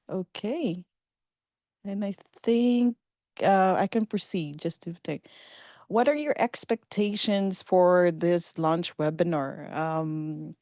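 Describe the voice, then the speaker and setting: Slow, upbeat woman presenter. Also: lowish voice, a little mellow, no room sound. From Philippines. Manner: upbeat, chatty, with frequent fillers and small laughs. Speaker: webinar presenter. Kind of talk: casual live webinar talk. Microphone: video call.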